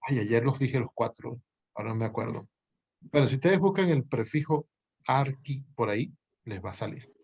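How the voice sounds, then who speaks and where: Explaining grammar to students, this male language professor has a mid-range voice that is gravelly, darkish, and slightly rough. He thinks aloud patiently, often pausing and correcting himself.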